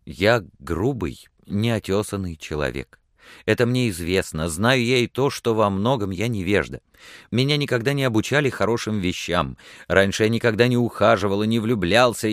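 A man voicing an unpolished grown man who speaks earnestly and haltingly in a storybook reading. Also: low-pitched, lively intonation, fairly bright tone, smooth, no echo, studio quality. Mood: pleading.

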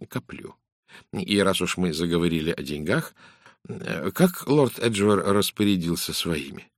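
A calm, precise detective with a gently ironic streak, as a male reader puts him on, speaking quietly and in measured phrases. The voice sits low and dark. The audiobook is recorded close and dry. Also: dry recording, full character voice. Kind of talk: audiobook character voice.

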